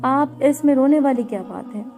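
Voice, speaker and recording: Woman voicing a gentle, flustered young groom. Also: high-pitched, moderate pace, faint music behind. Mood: coaxing. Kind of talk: story narration.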